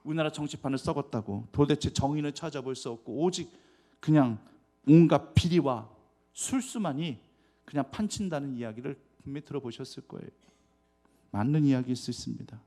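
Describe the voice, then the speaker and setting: A man preaching as a pastor in a church. He keeps asking the congregation rhetorical questions and swings from loud, stressed words to quiet asides. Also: fairly high pitch. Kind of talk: sermon. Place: church sanctuary.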